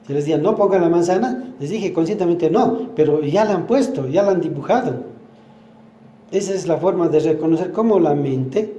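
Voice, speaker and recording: A man's voice: fairly high pitch, dark tone, echoey room, a little hiss or hum. An older man gives a sermon at church, teaching with everyday examples and asking the congregation questions. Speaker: church speaker.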